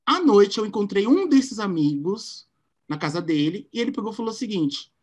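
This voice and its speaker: A man, hosting a podcast and telling a story in a casual, animated way. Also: high-pitched, normal speed. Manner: animated, acts out quotes in shifting voices. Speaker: podcast host.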